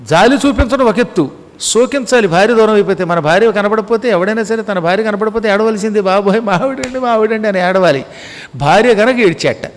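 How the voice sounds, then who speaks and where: A high-pitched man delivers a spiritual discourse, repeating key ideas and posing rhetorical questions to his listeners. He now and then acts out a quoted line. His voice carries a long reverb, as if recorded in a hall. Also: brisk. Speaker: religious discourse speaker. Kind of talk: Telugu Ramayana discourse.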